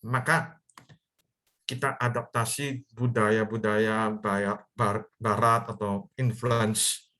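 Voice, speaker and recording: A young adult man from Medan, North Sumatra, Indonesia works as an online English tutor, teaching a live virtual class over video call. He explains in simple steps and checks in with the students, using a fairly low, forceful, bright voice that is slow and shows little pitch movement.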